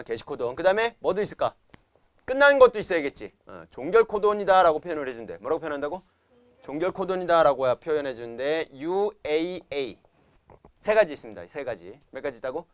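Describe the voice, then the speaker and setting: A man's voice: fairly high pitch, no room sound. Korean science teacher quizzing his class. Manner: keeps quizzing students with repeated questions; playful chanting of memory tricks. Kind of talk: classroom lecture.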